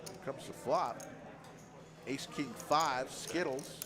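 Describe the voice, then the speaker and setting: A man's voice: mid-range voice, slow, a loud crowd. A man commentating casually on a live poker stream.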